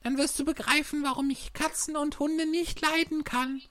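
A trembling little mouse. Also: male voice, steady tone, normal speed, sharp tone. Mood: shaky. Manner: squeaky and trembling. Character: timid, touchy little mouse, easily offended.

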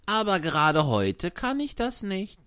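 A woman's voice: medium pitch, very animated, a little slow, no room sound, studio quality. A woman voicing a teasing, sensible village boy who mocks the puppet's offers.

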